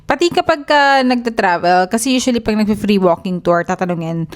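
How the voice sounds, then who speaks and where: Filipino woman cohost, super animated pitch, giggly, tagalog english mix. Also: fast. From Philippines. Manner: laughs often, mixes Tagalog and English. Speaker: podcast co-host. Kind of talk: casual chat.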